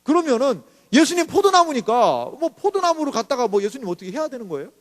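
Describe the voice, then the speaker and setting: A man's voice: very high voice, sing-song, fast talker, big-room sound. A male pastor preaching a sermon in a chatty way, often asking the congregation questions.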